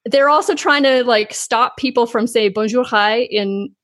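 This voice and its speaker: A woman with a Canadian accent hosting a podcast, chatty and quick to laugh, often correcting herself mid-sentence. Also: on the high side, fairly bright tone, low-quality recording. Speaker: podcast host. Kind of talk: casual podcast chat.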